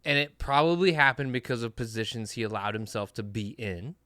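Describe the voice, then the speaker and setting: A man's voice: medium pitch, a little fast, pushed and bright, dry recording. A man co-hosting a casual podcast, talking bluntly and with emphasis, swearing now and then. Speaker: podcast co-host.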